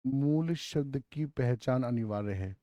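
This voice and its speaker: A man teaching a grammar lesson, asking rhetorical questions and answering them himself, slowly spelling out word parts and repeating key terms. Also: medium pitch, expressive, mellow, dry recording, clean studio sound. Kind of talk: classroom lecture.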